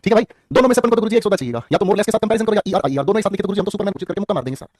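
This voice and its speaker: A man teaching grammar in a rapid-fire, teasing way. His voice sits high for a man and has a husky edge. The sound is close and dry. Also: expressive, darkish tone, no room sound. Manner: rapid, teasing, joking with students in chat. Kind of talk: online class lecture.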